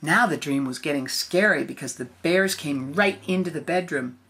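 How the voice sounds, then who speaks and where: An older woman reading a storybook aloud in a gentle grandmotherly way, adding casual asides. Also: deep voice, moderate pace, a little hiss or hum.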